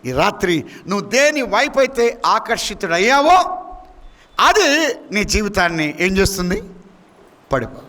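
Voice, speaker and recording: Man preaching, high voice, very lively pitch, bright, emphatic sermon with sharp rises and drops. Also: measured pace, long pauses. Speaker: pastor. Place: church.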